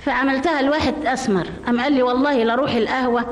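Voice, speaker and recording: An Egyptian woman in her fifties speaks in a high, quick, plain-spoken way. She is on an old radio broadcast with a long echo and a faint hiss behind her. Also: fairly even intonation. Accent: Egyptian Arabic. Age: 50s. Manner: plain-spoken, colloquial, often asks to have questions repeated. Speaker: interviewee, shoe repairer. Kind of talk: radio interview. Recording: old radio broadcast, reverberant and slightly noisy.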